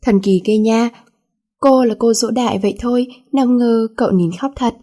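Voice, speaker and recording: A woman reading a teen romance story aloud in a lively narrating manner with chatty asides. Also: fairly high pitch, moderate pace.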